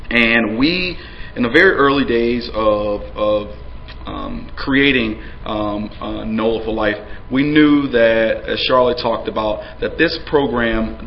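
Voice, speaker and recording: A man, speaking earnestly to a conference audience and pausing on frequent "uh"s and "um"s. His voice sits fairly low. The recording is dull with a faint hiss behind it. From New Orleans, USA. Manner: frequent fillers, earnest, conversational. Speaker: city official giving a presentation. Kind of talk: conference presentation.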